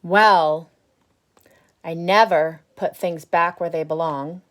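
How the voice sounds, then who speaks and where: A woman voicing a boastful, grumpy little male seed from a picture book, in an emphatic, drawn-out, confessional way. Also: lowish voice, fairly even intonation. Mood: defiant, boastful. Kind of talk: picture-book character read aloud.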